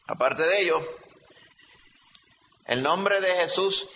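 A man preaches in a fairly high, forceful, bright voice, teaching emphatically and constantly checking that his listeners follow. His voice rings through a reverberant hall, captured with a slightly dull, muffled quality and a faint hum underneath. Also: slow pace, creaky. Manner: emphatic teaching, frequent checking questions to the congregation. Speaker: pastor. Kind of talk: sermon.

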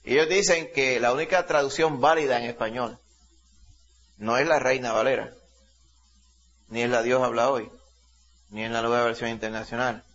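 A man's voice: medium pitch, fairly bright tone, muffled recording. A man from Latin America preaching a sermon in a conversational teaching style, full of rhetorical questions and "ok?" check-ins.

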